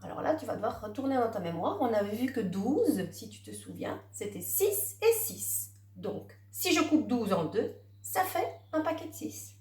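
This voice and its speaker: A woman teacher giving a gentle math lesson to a young child, counting aloud step by step. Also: a little high, big pitch swings, moderate pace, few pauses, reverberant, recorded from a distance. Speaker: primary school teacher.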